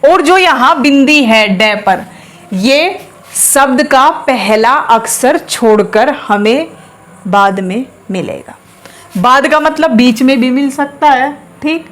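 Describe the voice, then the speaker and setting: A woman teaching a spelling lesson to students, patiently explaining and repeating words slowly to drill their pronunciation. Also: high voice, a bit bright. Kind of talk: classroom lesson on a whiteboard.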